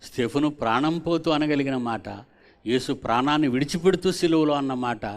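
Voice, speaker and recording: A man's voice: fairly high pitch, a little fast. A man preaching a sermon at a gospel convention. He repeats his phrases and questions the audience directly.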